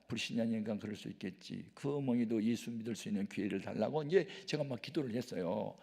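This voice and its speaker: An older man preaching with a gravelly, textured voice, telling a story with lively, dramatic swings of loudness. His voice rings through a large hall with a long, trailing echo. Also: mid-range voice. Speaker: pastor. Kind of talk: storytelling sermon. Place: church sanctuary. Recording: echoey hall.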